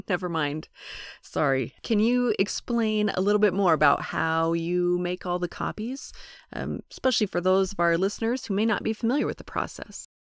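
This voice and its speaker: A woman's voice: lowish voice, moderate pace, clean tone. A woman hosting a podcast, asking her guests questions in a cheerful way and laughing easily. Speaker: podcast host. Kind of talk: scripted podcast interviewing.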